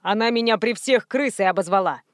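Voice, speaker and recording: A woman's voice: medium pitch, a little fast, dry recording, close to an everyday voice. Teen boy killer, boastful and callous, read by a woman narrator, dry close audiobook sound. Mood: smug. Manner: smug, cheerfully callous.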